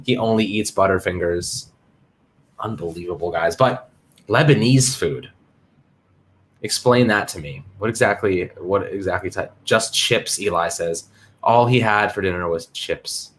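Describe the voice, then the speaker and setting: Dude hosting a sports stream, lowish voice, all hyped and slangy, shouting out the chat. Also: male voice, a little slow, a little hiss or hum. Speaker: livestream host.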